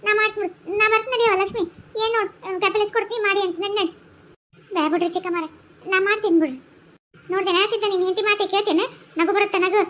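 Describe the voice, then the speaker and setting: A woman speaks in a very high, rapid voice with a North Karnataka Kannada accent. She runs through village cartoon comedy dialogue in a chatty, pleading way. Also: slight background noise. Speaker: cartoon narrator and voice artist. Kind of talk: cartoon voice acting.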